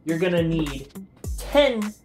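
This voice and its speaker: A young man hosting a comedic home cooking vlog, goofy and jokey, sometimes breaking into loud mock commands, filmed in his kitchen on a camera mic. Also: fairly high pitch, very animated, takes it slowly, echoey room, soft background music. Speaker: cooking video host.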